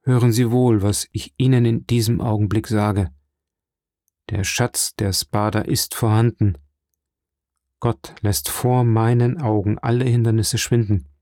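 A man voicing a dying old priest in an audiobook, slow, earnest and fatherly, weak and failing. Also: mid-range voice, vocal fry, mellow, dry recording, clean studio sound. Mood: tender. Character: dying old male priest, gentle and solemn. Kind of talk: audiobook character reading.

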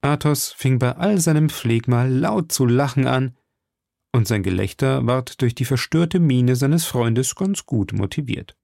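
A man reading a novel aloud in a steady, expressive manner. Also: medium pitch, a little slow, vocal fry, no echo, studio quality. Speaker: reader of a novel. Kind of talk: read-aloud literary narration.

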